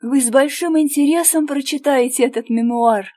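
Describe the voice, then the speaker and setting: A remorseful young woman gambler from a storybook, earnest and pleading for forgiveness, as a woman reads her. Her voice sits higher and brighter than the reader's plain tone. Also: normal speed, close to an everyday voice. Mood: gentle. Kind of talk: storybook reading.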